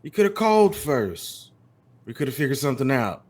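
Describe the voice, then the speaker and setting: A man voicing a menacing vampire biker who speaks in a slow, threatening drawl. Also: mid-range voice, big pitch swings, voice pushed up. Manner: slow drawl, calls people friend and son.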